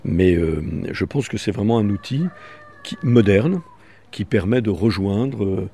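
Deep, dark-voiced bishop. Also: male voice, slight background noise. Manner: measured and explanatory, with fillers. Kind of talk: radio interview.

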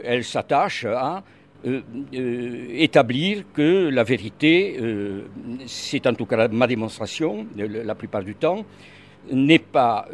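Older man, regional accent, halting. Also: medium pitch, a little hiss or hum. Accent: regional French accent. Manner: hesitant with many fillers, then emphatic and earnest. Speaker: monthly radio columnist. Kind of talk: radio interview.

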